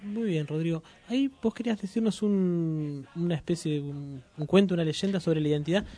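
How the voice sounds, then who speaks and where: A man's voice: fairly high pitch, brisk, dark tone. A man hosting a radio talk show. He speaks in a reflective, earnest way. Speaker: radio host.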